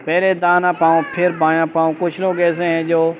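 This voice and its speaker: A man's voice: on the high side, completely flat delivery. A man teaching a religious class step by step, giving firm instructions and often asking the students whether they understood. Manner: keeps checking understanding with quick questions. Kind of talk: classroom lesson explaining ritual steps. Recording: dull lo-fi classroom recording with faint background hum.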